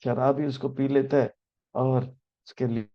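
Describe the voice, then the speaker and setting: A man giving a devotional discourse on scripture and telling stories, pausing often with filler sounds and restarts. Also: mid-range voice, little pitch movement, lo-fi sound. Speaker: spiritual teacher explaining scripture.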